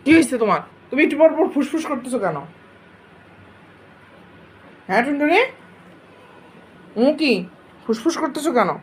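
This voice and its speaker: A woman's voice: high-pitched, animated, moderate pace, pauses often, slight background noise. A young woman from Bangladesh talking in doting baby talk to her pet cats, coaxing them and now and then scolding. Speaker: cat owner vlogger.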